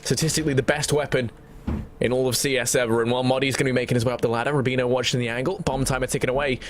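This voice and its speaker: A man's voice: medium pitch, steady tone, very fast, noisy background. A man working as an esports caster, giving flowing, dramatic play-by-play commentary on a shooter match with colourful flourishes.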